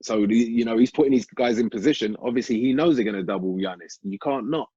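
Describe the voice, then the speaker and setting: A man in a casual basketball podcast, chatty and quick to jump in. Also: medium pitch, mellow, slightly rough, dry recording. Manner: chatty, interjecting, says "mate". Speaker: podcast panelist. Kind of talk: casual sports chat. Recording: dry dull lo-fi sound.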